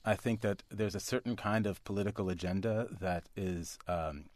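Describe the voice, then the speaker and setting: A man's voice: low voice, darkish tone, no echo. A man from Canada, a guest author on a radio interview, speaking thoughtfully with frequent restarts and fillers. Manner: thoughtful, halting with many restarts.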